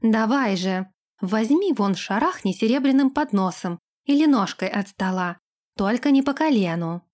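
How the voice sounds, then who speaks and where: A woman's voice: a little high, expressive, normal speed, close to an everyday voice. A woman voicing a spoiled, imperious young princess who snaps and gives orders in an audiobook. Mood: commanding. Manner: haughty, sharp-tongued, commanding. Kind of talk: audiobook character voice.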